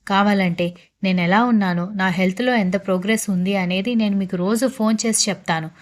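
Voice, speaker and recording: A woman's voice: mid-range voice, steady tone, fairly quick, close to an everyday voice. A woman voicing an innocent young woman who pleads and whines in a read-aloud story. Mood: pleading. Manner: pleading, whiny.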